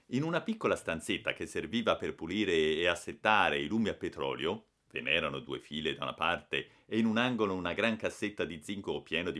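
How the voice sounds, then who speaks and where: A man narrating a story as an audiobook in an expressive storytelling style. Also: extremely low pitch.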